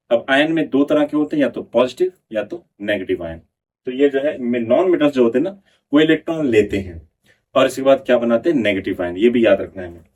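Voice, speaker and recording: A man teaching an exam prep science lesson. He reads notes slowly, then explains them in Hindi and asks questions that he answers himself. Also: medium pitch, darkish tone, slightly rough, far from the mic.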